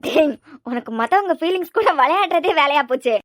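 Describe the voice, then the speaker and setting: A woman's voice: high voice, lively intonation, a little fast, fairly bright tone, dry recording, clean studio sound. A woman voicing a shrewd, teasing middle-aged mother in a cartoon serial, speaking with a Kanyakumari Tamil accent in a motherly, probing way. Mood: scolding.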